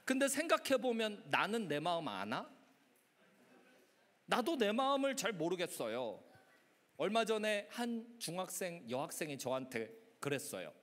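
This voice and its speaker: High-pitched pastor guy preaching to teens, super lively, big echoey hall. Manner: acts out voices of teens and grandma in quick dramatic bursts. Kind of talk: animated youth camp sermon.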